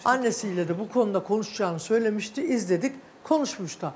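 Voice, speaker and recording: A woman's voice: medium pitch, expressive, fast, darkish tone, slight background noise. A woman hosting a live daytime talk show, commenting on and coaching her guests. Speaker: host.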